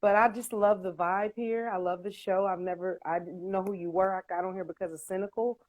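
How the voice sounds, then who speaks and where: A woman's voice: medium pitch, steady tone, a little fast, darkish tone, low-quality recording. Enthusiastic woman poet on a video call. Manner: enthusiastic, talkative. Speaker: guest poet. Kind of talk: casual live-stream chat.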